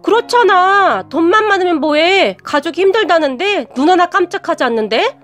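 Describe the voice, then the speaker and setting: A greedy sister-in-law nags and demands in a high, lively voice, as a woman narrator plays her. She sounds pushy and irritated, never letting up. Soft music runs quietly behind her. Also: normal speed. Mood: whining, demanding.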